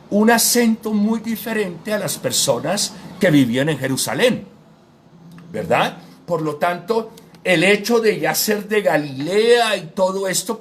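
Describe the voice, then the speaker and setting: A man giving an informal Bible teaching, speaking directly to his listeners with frequent tag questions and hesitant fillers. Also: on the high side. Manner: addresses listener directly and formally.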